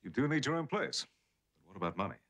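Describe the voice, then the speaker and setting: A man's voice: medium pitch, big pitch swings, fast talker, a bit bright, husky. An actor playing a concerned, reassuring male friend in an earnest television soap style. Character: concerned, reassuring male friend offering level-headed advice. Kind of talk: television soap drama acting.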